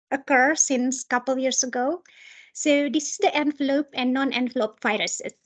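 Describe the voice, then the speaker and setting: High-pitched woman with an Indonesian accent, presenting. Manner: halting, searching for words. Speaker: trainer. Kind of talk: slide presentation lecture.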